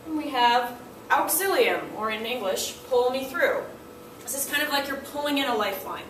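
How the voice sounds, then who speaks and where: A woman's voice: sits high, a little fast, slight background noise. A woman language teacher explaining classroom signals and acting out what students and the teacher say. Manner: animated, acts out student and teacher lines in quotes. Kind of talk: classroom instruction. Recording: echoey room, mic at a distance.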